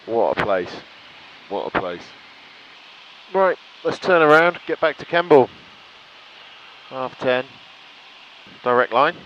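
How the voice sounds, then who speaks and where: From the cockpit of a small light aircraft in flight, a British pilot vlogger chats casually with viewers, enthusiastic and reflective. His medium-pitched, slightly bright voice is very animated and slow with frequent pauses. The lo-fi recording carries clear engine noise.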